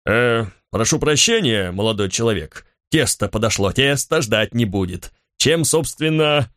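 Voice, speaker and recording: A man's voice: medium pitch, expressive, measured pace, a bit bright, no echo, clean studio sound. A man voicing a large, elderly baker who hesitates and stammers, afraid of his past, in a storybook reading. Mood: puzzled. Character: huge, nervous, older male baker hiding his past.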